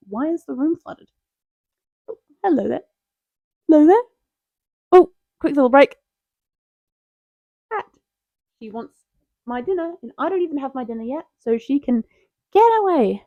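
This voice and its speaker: A woman's voice: a little high, darkish tone, dry recording. Young female host, playful self-interrupting chatter, close dry lo-fi sound. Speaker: tier list video host. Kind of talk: casual rambling commentary.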